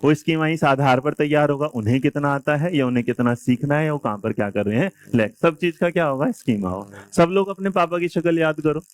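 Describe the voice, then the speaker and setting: Male teacher, from India, live classroom lecture; teasing, quizzing manner; smooth, slightly high voice. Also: brisk, hardly any pauses, dry recording. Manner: lively, quizzes and teases students.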